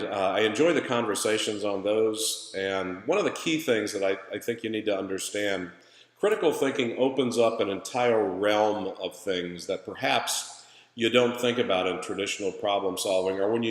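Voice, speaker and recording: A man giving an informal recorded lesson recap as an instructor, conversational and halting, with a hallway echo from an empty room. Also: fairly low pitch. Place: empty room in a new place, indoors. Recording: echoey empty room, long reverb.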